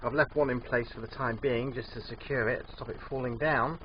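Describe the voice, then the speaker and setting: An older man with a thick, sore, swollen-sounding throat, narrating a casual DIY vlog in a hesitant, unhurried way. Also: medium pitch, fairly even intonation. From England. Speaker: DIY van converter presenting. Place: in and around a van. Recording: dull muffled sound, background vehicle noise.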